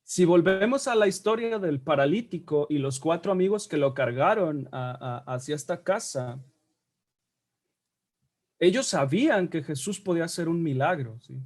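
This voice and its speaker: A man's voice: fairly high pitch, animated, normal speed, a little mellow. A man teaching a Bible study class in a conversational way, often checking in with his listeners. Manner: conversational, checks in with frequent tag questions.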